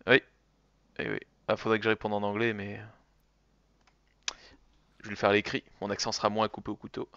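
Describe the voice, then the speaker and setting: A man's voice: lowish voice, monotone, a little fast, vocal fry, pauses often, pushed and bright, no room sound, muffled recording. A man streaming a strategy game, muttering calculations to himself between jokey asides. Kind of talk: casual let's-play commentary.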